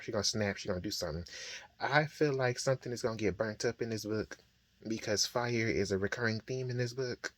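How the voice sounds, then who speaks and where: A man giving a casual, opinionated retelling of a book's plot in a chatty storytelling manner. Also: fairly low pitch. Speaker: book reviewer. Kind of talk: casual book recap.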